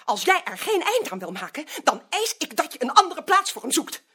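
An actress playing a stern office colleague who insists and complains, in an indignant manner. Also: female voice, high-pitched, very animated, brisk, bright, forceful tone, full character voice. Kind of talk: drama acting.

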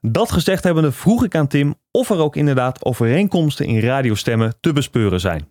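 A man's voice: medium pitch, big pitch swings, a little fast, darkish tone, dry recording, clean studio sound. A man with a Netherlands Dutch accent presenting a podcast in a conversational style. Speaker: podcast host.

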